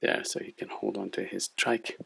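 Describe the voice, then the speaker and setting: A man's voice: on the low side, level tone, moderate pace, creaky, sharp tone, husky. A man hosting a children's puppet show, explaining toy building to young viewers in a friendly way.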